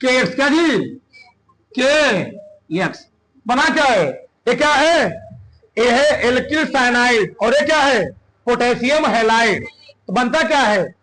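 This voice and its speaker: A man teaching a class, firing short questions at his students one after another. His voice sits very high and rings bright and forceful. He drills the class in a lively, commanding way. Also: rough recording. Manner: quizzing students with rapid questions. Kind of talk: classroom chemistry lesson.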